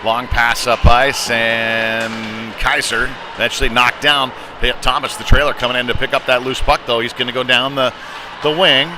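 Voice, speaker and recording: With music and clear arena noise in the background, a former goaltender gives live ice hockey play-by-play at normal speed. His medium-pitched voice stays conversational, rising to excited calls on the big plays.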